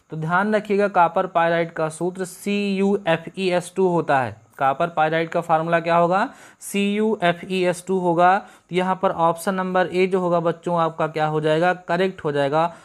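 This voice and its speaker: साफ़ आवाज़ वाले शिक्षक, प्रश्न समझाते हुए. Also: male voice, high-pitched, clear, resonant tone. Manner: repeats answers, addresses students as children. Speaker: teacher. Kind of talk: exam question walkthrough.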